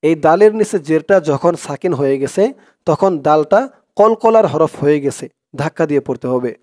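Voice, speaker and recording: High-voiced man teaching Quran reading. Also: expressive, a little mellow, no room sound, clean studio sound. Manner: explains spelling rules, then chants verses slowly and drawn out. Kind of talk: step-by-step recitation lesson.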